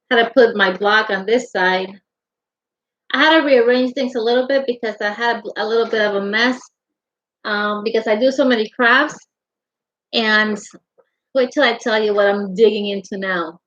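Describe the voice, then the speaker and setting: A woman's voice: mid-range voice, a bit bright. A middle-aged woman hosting a casual livestream from her home craft room, chatting affectionately and greeting viewers as honey. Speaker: livestream host. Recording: dull lo-fi livestream audio.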